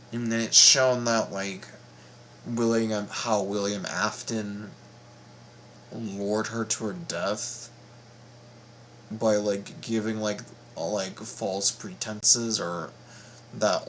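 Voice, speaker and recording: Hosting casual game reaction commentary, a man speaks with a fairly low pitch and fairly bright tone, stammering and repeating phrases in slangy, profane language. There is noticeable background noise.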